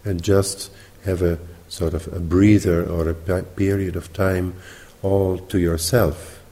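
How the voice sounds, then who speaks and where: A man with a mixed British, Dutch and Sinhalese accent, teaching meditation at a retreat in measured, explanatory phrases with pauses. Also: deep voice, level tone, warm tone. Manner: measured, explanatory, pausing between short phrases. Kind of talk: spoken retreat instruction. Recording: reverberant hall.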